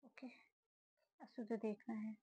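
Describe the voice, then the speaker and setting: A woman working through a grammar test, reading each option aloud and giving quick verdicts. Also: fairly high pitch, fairly even intonation, dark tone, slightly rough, no room sound, rough recording. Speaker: student solving a test series. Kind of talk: casual spoken walkthrough of exam answers.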